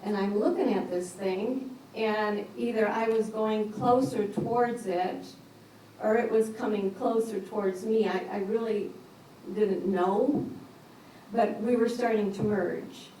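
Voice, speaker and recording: A woman's voice: mid-range voice, takes it slowly. Woman telling a story in an echoey hall. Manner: animated, acts out what others said. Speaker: speaker at a yoga retreat. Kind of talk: personal storytelling talk. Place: large echoey retreat hall. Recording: echoey hall from far off, faint hiss.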